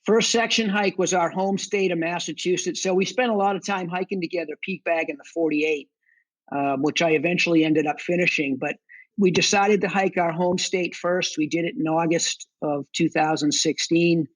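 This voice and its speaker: He's a middle-aged interview guest from the Boston area in the United States, an army veteran who section-hikes, and he recounts what he's been through plainly and conversationally in his Boston accent. His voice is on the high side, his intonation fairly even, his pace moderate. The recording is dry and rough.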